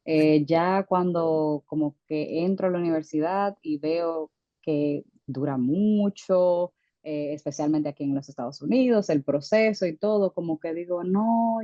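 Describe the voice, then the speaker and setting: A dentist in her thirties, born in the United States to Dominican parents, tells her story as a guest in a conversational interview. She hesitates often, with many fillers and restarts. Her fairly low voice is warm and a little slow, recorded without echo but sounding muffled.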